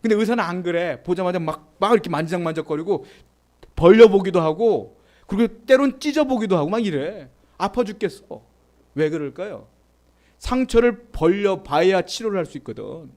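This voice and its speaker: Pastor, male, preaching in a chatty manner with frequent questions to the congregation, somewhat high-pitched. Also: expressive, normal speed, darkish tone. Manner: conversational preaching with rhetorical questions; reads scripture aloud with the congregation. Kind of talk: sermon.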